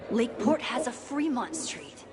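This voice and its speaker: A woman's voice: fairly high pitch, sing-song, a little slow. An actress voicing a wry, thoughtful young woman in a story game, speaking dialogue and inner monologue in a dry tone. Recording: game audio with loud noise and crowd.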